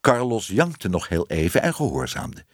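A man reading a children's storybook aloud, expressive and varied. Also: low-pitched, moderate pace, no echo, clean studio sound. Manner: expressive reading with many voiced figures. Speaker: audiobook narrator. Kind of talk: scripted storybook narration.

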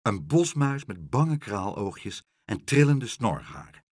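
A man narrating a children's storybook in an expressive, swinging storyteller manner. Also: medium pitch, slow, breathy edge, no echo, clean studio sound. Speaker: audiobook narrator.

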